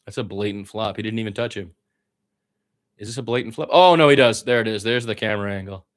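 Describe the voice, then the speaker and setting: Speaking quickly in a lowish voice, this sports commentator delivers casual basketball play-by-play in the style of radio, peppered with blunt, opinionated and chatty asides.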